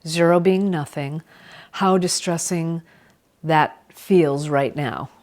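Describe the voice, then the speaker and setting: A woman leading a calm grounding exercise, giving gentle, measured instructions as the guide. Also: low voice.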